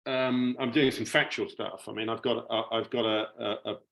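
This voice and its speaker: A middle-aged media producer speaks on an informal panel, hesitant and stammering, often repeating his words. His voice is mid-range, gravelly and a bit bright, with fairly even intonation at a normal speed.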